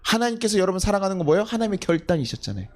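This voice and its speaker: A man's voice: high-pitched, big pitch swings, racing, darkish tone. A middle-aged male pastor preaching a sermon in a church. He keeps putting questions to the congregation and then answers them himself. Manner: acts out quoted family scolding in a livelier voice. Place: church sanctuary.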